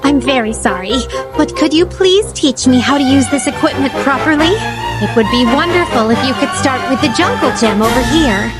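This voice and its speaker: A woman's voice: sits high, expressive, normal speed, loud music behind the voice. A woman voicing a poised, curious and naive otherworldly attendant in a video game, speaking in formal, flowery and overly polite phrases. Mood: curious, earnest. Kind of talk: scripted video game dialogue.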